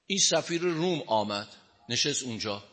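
Bright-voiced male preacher telling stories. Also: mid-range voice, animated. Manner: emphatic colloquial storytelling. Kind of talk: religious lecture with storytelling.

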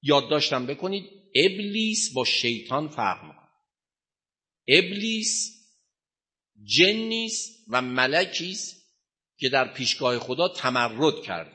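A male religious teacher lecturing a class with emphasis, pausing to quiz listeners and tell them what to write down. His voice is bright and forceful, and he breaks into chanted scripture in Arabic. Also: medium pitch. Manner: emphatic, quizzes listeners and dictates notes.

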